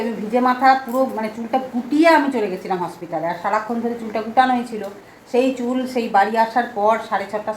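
A middle-aged woman chatting casually and softly through a home vlog, talking while she goes about her day with a cold. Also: on the high side, slight background noise. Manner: chatty, homely, speaks softly. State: has a cold. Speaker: vlogger. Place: at home indoors.

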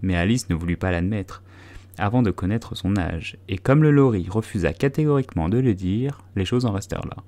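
A man reading a children's classic aloud as audiobook narrator, in a measured storytelling voice. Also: lowish voice, mellow. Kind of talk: scripted narration.

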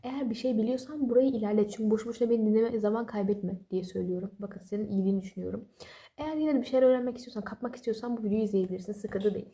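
A woman's voice: on the high side, very fast, dark tone. A young woman giving casual late-night study advice at home, sleepy and apologetic, rambling with small jokes and no proper microphone. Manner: rambling, apologetic, chatty with self-deprecating jokes. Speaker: study vlogger. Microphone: no external microphone.

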